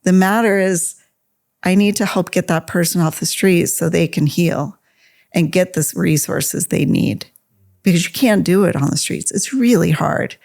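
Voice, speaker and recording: A woman's gravelly, fry-edged voice carries an earnest, conversational tone. She talks plainly and directly, as a guest in an interview. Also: lowish voice, moderate pace, darkish tone.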